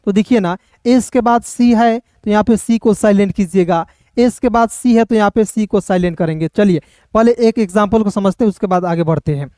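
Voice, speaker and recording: A man teaching English pronunciation in an online lesson, spelling words out slowly letter by letter and repeatedly coaxing his viewers. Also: high-pitched, warm tone, dry recording, clean studio sound. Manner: repetitive, coaxing, keeps addressing viewers as friends.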